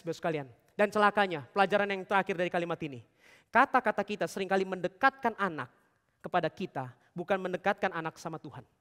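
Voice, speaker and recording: A male pastor preaching a sermon in church, talking straight to the congregation, dropping to quiet asides and rising to loud, emphatic points. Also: high voice, smooth, in a large hall. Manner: addresses the congregation directly, acts out dialogue.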